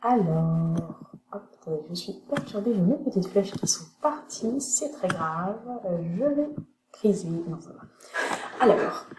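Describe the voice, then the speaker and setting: A woman's voice: mid-range voice, expressive, measured pace. A woman teacher explaining a lesson in a chatty way, with many fillers. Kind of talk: recorded classroom lesson. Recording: echoey room with faint noise.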